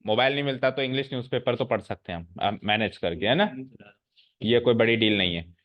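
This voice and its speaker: A man's voice: medium pitch, fairly quick, lo-fi sound. A man in his forties teaching a grammar class to students, lecturing and scolding with rhetorical questions and mixing English phrases into his speech. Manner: mixes English phrases into Hindi.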